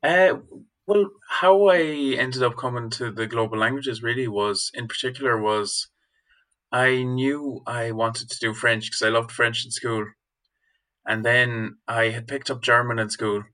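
A man's voice: mid-range voice, unhurried, pushed and bright, low-quality recording. A young man from Galway with a west of Ireland accent, answering interview questions as a student guest in a hesitant, informal way. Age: young adult.

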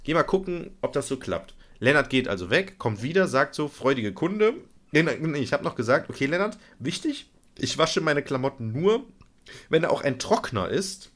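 A man's voice: on the high side, big pitch swings, normal speed, fairly bright tone. A young man casually telling a funny travel story, acting out the quoted dialogue. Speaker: podcast co-host.

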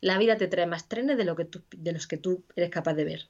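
Animated woman explaining grief. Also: on the low side, brisk, dull audio. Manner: animated, acts out quoted inner voices. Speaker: interview guest, grief specialist. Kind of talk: conversational explanation.

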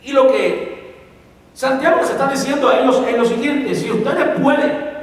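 High-voiced preacher in an echoey hall. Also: male voice, normal speed, far from the mic. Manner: explains points and repeats them for emphasis. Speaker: pastor. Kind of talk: sermon.

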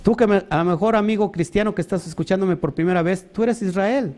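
A man preaching a sermon, animated, asking rhetorical questions and mimicking other people. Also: sits high, fast talker.

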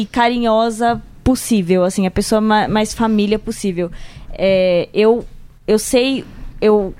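A woman's voice: on the high side, a little mellow, smooth. A young woman speaking emotionally and tenderly in casual chat, with dry self-mocking asides.

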